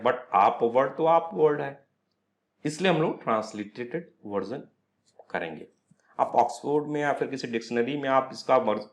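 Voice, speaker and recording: A man teaching an online astrology class, explaining step by step, posing questions and answering them himself, mixing English words into his Hindi. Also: mid-range voice.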